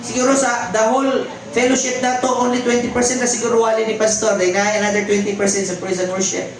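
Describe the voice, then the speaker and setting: Pastor preaching, high voice, really echoey church, bit of noise. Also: male voice, flat delivery, fast. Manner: conversational, mixing Cebuano with English and calling out to the congregation. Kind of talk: sermon. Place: church hall. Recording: very echoey church hall, faint background noise.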